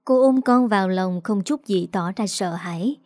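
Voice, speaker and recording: A woman narrating a dramatic story in a steady, expressive reading voice. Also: mid-range voice, moderate pace, no room sound, clean studio sound.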